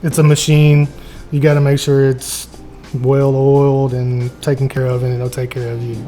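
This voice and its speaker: A man's voice: mid-range voice, little pitch movement, normal speed, warm tone, faint music behind. An American man, a salesman being interviewed, chatting casually in a folksy, earnest way. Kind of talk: casual chat.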